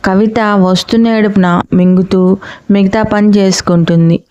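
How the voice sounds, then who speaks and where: Mellow woman narrating a family drama. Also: mid-range voice, fairly even intonation, normal speed, clear, resonant tone. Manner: voices each character's lines in her own voice. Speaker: storyteller. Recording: muffled lo-fi recording.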